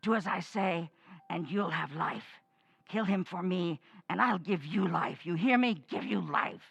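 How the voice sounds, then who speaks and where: An actress playing a sinister undead old woman in an old-time radio horror play, with a commanding, menacing manner and a gravelly, husky croak. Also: fairly low pitch, a little slow, dry recording, dull audio, exaggerated voice.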